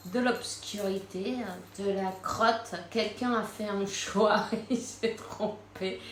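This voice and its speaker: A woman whose first language is Spanish gives a casual spiritual tarot card reading, chatting freely, laughing often and leaning on plenty of fillers. Her voice is medium-pitched, and the recording sounds roomy with slight background noise.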